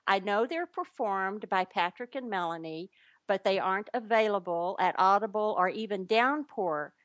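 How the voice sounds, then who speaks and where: A woman interviewer reading listener questions aloud in a measured way. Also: mid-range voice, a bit bright, no room sound. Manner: measured, reads questions out clearly.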